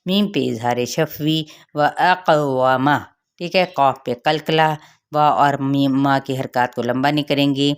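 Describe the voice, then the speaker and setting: Woman teaching tajweed slowly. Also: rumbling low, clean tone. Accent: Pakistani Urdu. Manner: slow, drawn-out sounding of each word, then quick explanations. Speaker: Quran recitation teacher. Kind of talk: tajweed lesson, explaining rules word by word.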